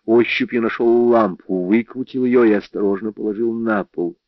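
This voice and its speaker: A man reading a first-person crime novel as an audiobook narrator, in a measured, tense and often hushed way. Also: fairly low pitch, fairly even intonation, no room sound, highs cut off.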